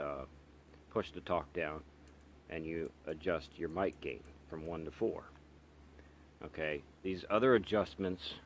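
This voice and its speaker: A radio hobbyist with a deep voice demos and reviews his gear in a casual walkthrough, explaining each step. He speaks haltingly, with lots of ums and restarts, over slight background noise.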